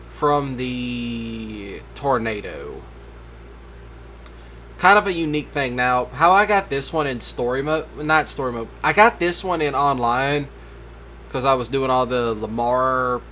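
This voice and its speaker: A man's voice: mid-range voice, fairly bright tone, a little hiss or hum. A tired man rambling through a laid-back voice-over for his gaming video late at night, with yawns between thoughts. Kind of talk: casual voice-over commentary.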